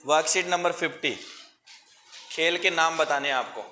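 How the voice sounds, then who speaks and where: A man's voice: a little high, moderate pace, bright, forceful tone, slight background noise. A man teaching a class of small children, calling pupils up by name and coaxing them through each worksheet. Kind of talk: classroom lesson.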